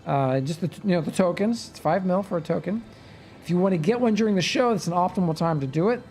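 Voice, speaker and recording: Excited guy streaming a game, talks loose w lots of uh's, faint music underneath. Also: high voice, fast. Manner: enthusiastic, chatty, trails off with fillers. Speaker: streamer host. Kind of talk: casual livestream chat.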